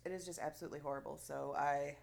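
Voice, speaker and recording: Stuffy with allergies, this female podcast co-host speaks quickly in a deep, darkish, steady voice with vocal fry. She's chatty and casual, full of fillers and restarts, and laughs often.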